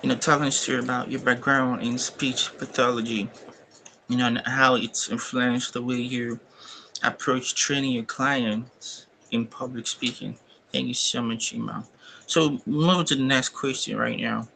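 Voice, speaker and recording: A man hosts an interview in a bright, forceful voice with a gravelly edge. He rambles as he thanks his guest and asks questions, leaning on "you know" and repeating words, with faint ambient noise behind him. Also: mid-range voice, poor audio. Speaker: interview host. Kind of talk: casual interview hosting.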